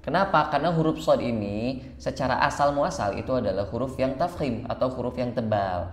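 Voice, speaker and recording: A man with an Indonesian accent teaching Quran recitation, switching between slow drawn-out chanting and quick spoken explanations. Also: mid-range voice, reverberant. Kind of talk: online recitation lesson.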